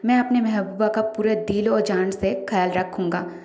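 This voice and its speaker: A woman's voice: mid-range voice, fairly even intonation, normal speed, a little mellow, close to an everyday voice. A woman voicing a young man who answers in a dry, teasing way, read in an echoey room. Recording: roomy echo.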